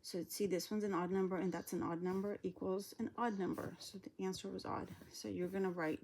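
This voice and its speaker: A woman's voice: medium pitch, fairly even intonation, a little fast, darkish tone, a little hiss or hum. A woman reading a math lesson aloud to a child and explaining each step in a casual, patient way, a little out of breath. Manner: casual, explains steps patiently, trails off mid-sentence. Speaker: homeschool teacher.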